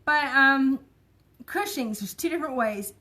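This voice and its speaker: A woman's voice: high voice, lively intonation, a little slow, bright, forceful tone. A woman vlogger, chatting casually and rambling with many fillers and asides. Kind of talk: casual chat.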